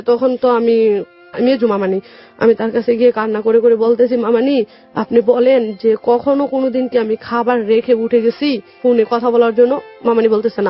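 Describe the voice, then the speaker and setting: Over dull, lo-fi radio sound and background music, a young Bangladeshi Bengali-accented woman with a slightly high voice recounts her life in casual terms. As an interview guest, she frequently replays old conversations as dialogue.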